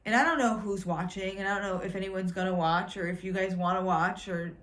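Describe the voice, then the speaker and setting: A woman's voice: mid-range voice, fairly even intonation, a little fast, a bit bright. A woman in her twenties telling her own story at home in a candid, emotional, rambling way. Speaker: vlogger. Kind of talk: personal vlog storytelling. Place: at home indoors.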